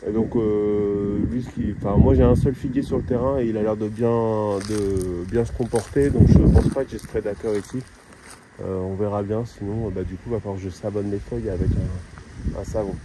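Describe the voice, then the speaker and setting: French male vlogger, low register, loose chatty delivery, outdoors with loud noise. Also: steady tone, normal speed. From France. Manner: easygoing, chatty, many hesitations. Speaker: vlogger planting a tropical garden. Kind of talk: casual outdoor vlog talk. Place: outdoor plantation on a hot day.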